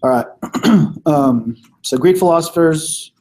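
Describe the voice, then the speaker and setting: A male teacher who is losing his voice, leading a casual classroom review with lots of fillers and throat clearing. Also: a little high, slow pace, darkish tone.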